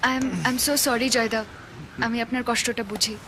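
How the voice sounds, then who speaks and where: An actress playing a gushing, effusive young wife in a comic film. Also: female voice, fairly high pitch, level tone, normal speed, background noise, lightly acted. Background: film score.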